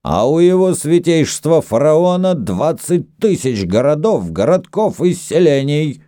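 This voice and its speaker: A man's voice: lowish voice, animated, a little slow, mellow, no echo, clean studio sound, pitched above the performer's own voice. A man voicing a haughty, quarrelsome merchant who speaks with contempt and indignation. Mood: indignant. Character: haughty quarrelsome male merchant, quick to take offence.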